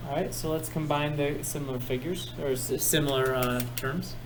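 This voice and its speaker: A man's voice: fairly high pitch, steady tone, normal speed, noisy background. A man teaching algebra in a classroom, patiently guiding students step by step and praising their work. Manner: patient, encouraging, guides step by step. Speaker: math teacher. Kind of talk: classroom instruction.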